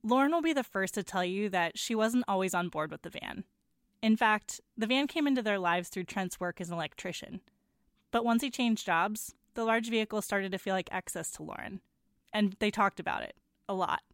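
A woman narrating a documentary and asking interview questions in a calm, measured way. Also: medium pitch, no echo, clean studio sound.

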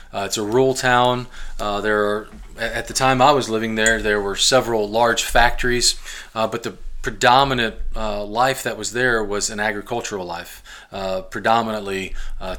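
Male podcaster in his forties with a bright voice and a rambling, restart-heavy manner. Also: on the low side. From Ohio and Kentucky, US. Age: 40s. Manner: rambling, many restarts and fillers, chuckles often. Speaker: podcast host. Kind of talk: casual personal monologue.

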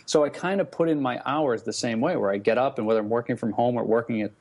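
A man who works as a screenwriter, talking in a measured, plainspoken way in a casual chat. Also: medium pitch, a little mellow.

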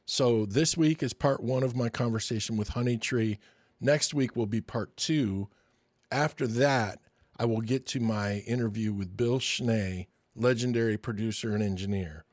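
A podcast host in his sixties from Michigan, US, tells stories in a chatty, enthusiastic way and interviews a guest in a casual monologue-and-interview format. His voice is medium-pitched at normal speed, recorded dry in clean studio sound.

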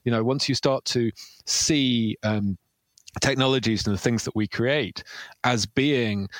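A man's voice: mid-range voice, measured pace, fairly bright tone, dry recording. A man talking casually about ideas as an author guest, thoughtful and hesitant with many fillers and restarts. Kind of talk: casual intellectual conversation.

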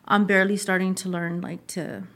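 A woman's voice: lowish voice, fairly even intonation, moderate pace, fairly bright tone. A young woman, a social media creator, chatting casually as an interview guest, trailing off with lots of fillers.

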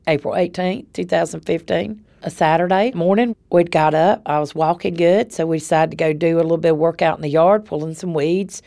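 A woman's voice: on the low side, brisk, gravelly, few pauses, warm tone. A woman with a Southern US accent telling her own story in a plain-spoken, conversational way. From North Carolina. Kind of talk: personal storytelling.

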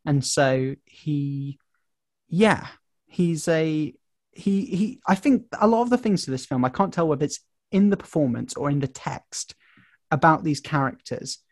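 A man's voice: on the high side, expressive, a little slow, no room sound, clean studio sound. A man hosting a casual film podcast, chatting and musing with frequent restarts.

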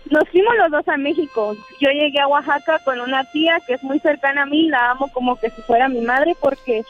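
A woman calling into a radio show from a bus, speaking earnestly and softly. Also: high voice, a little fast. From Mexico. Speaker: caller. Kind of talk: phone-in conversation. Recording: tinny phone line with music.

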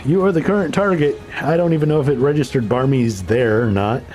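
A man's voice: mid-range voice, brisk, a little mellow, faint music behind. A man acting as game master, casually narrating and adjudicating a tabletop game.

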